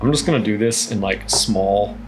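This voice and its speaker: A man's voice: lowish voice, normal speed, music in the background, poor audio. A man casually narrating his cooking at home, rambling in a laid-back, profane way. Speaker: host of a cooking vlog. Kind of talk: casual chat while cooking, narrating each step. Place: home kitchen.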